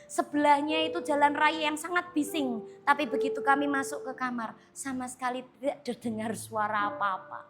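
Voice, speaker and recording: A woman pastor in her thirties gives a sermon built around a personal testimony, her voice sitting high at a moderate pace over loud music. She tells it in a casual, chatty way, animated as she acts out conversations.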